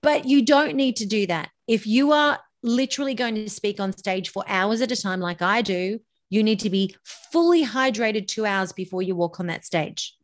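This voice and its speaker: A middle-aged voice coach, guesting on a podcast, gives emphatic advice on public speaking. She speaks at normal speed with few pauses in a medium-pitched voice, animated and stretching words for effect.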